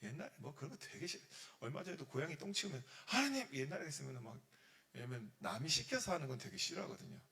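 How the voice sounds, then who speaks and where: A man, a pastor, giving a sermon to a youth group, acting out prayers and God's words in sudden loud bursts. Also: mid-range voice, animated, racing, vocal fry.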